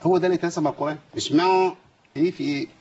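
A man's voice: a little high, racing, darkish tone, breathy edge, dull audio. A man with an Egyptian Arabic accent teaching Quran recitation in a live lesson, quizzing students by name, reciting examples and pointing out common mistakes. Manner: quizzes students by name, demonstrates and corrects errors.

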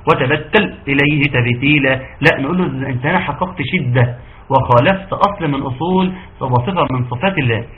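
A man with an Egyptian Arabic accent teaching Quran recitation rules, asking the class rhetorical questions and modeling verses slowly. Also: mid-range voice. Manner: quizzes listeners with rhetorical questions. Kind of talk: tajweed lesson correcting students. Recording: dull lo-fi audio, faint background noise.

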